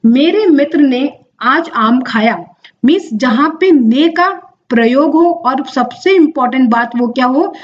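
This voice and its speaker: High-voiced woman tutoring through exam questions. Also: expressive, muffled recording, slight background noise. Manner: explains slowly, drawing out words and asking herself questions. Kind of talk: exam-prep lesson.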